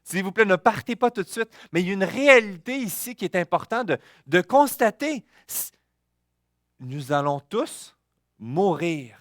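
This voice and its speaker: A male pastor delivers a sermon. He has a fairly high voice and an earnest style, dropping to hushed warnings and then rising to emphatic declarations. The close mic is dry, with little room sound. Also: big pitch swings, normal speed, no room sound.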